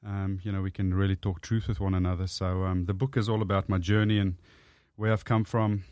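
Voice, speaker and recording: South African guest, 40s, deep husky voice, earnest and measured, dry studio sound. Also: male voice, level tone, darkish tone, dry recording. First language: Afrikaans. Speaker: podcast guest, author.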